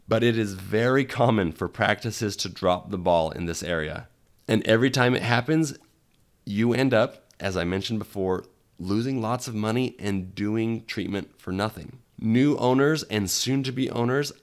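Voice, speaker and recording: A man hosting a podcast in a conversational way, his voice scratchy from being under the weather. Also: fairly low pitch. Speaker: podcast host. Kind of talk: conversational solo podcast talk.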